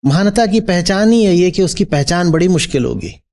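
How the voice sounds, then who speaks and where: Gravelly man giving a spiritual discourse. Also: high-pitched, lively intonation, fairly quick, darkish tone. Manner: rhetorical questions, checks listeners with "hmm?". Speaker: spiritual teacher.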